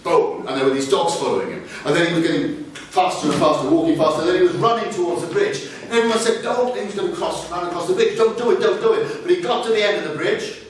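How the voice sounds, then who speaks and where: A man's voice: on the high side, fast talker, few pauses. A man from Wales telling a folk tale live to an audience, with playful asides. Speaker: storyteller. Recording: echoey room from far off, noisy.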